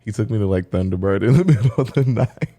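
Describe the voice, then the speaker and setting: A man who co-hosts a chat show as a hairstylist, telling stories in a lively, animated way, often acting out what others said and laughing. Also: lowish voice, quick pace. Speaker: hairstylist and podcast co-host. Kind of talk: casual chat.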